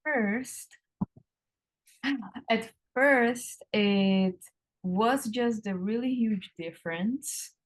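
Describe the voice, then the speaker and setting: A woman in her thirties from the Republic, a guest answering interview questions in an unhurried way with frequent ums and drawn-out words. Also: a little high. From Czech Republic. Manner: hesitant, many ums, slowing and drawn out.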